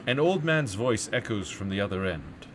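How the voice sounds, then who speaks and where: A man's voice: lowish voice, lively intonation, normal speed, slight background noise. A man streaming and narrating a gamebook in the second person, with chatty, wry asides. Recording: loud background music.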